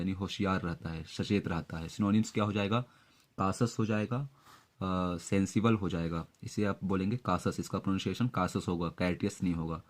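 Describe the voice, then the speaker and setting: A young man teaching exam vocabulary step by step, with frequent filler sounds and memory tricks. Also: on the low side. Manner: explains word tricks step by step, many fillers. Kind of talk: exam-prep vocabulary lesson.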